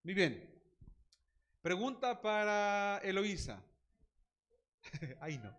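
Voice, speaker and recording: Male Bible teacher, slightly high voice, playful and quizzing his class. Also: very slow. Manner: lively, quizzes students by name, jokes.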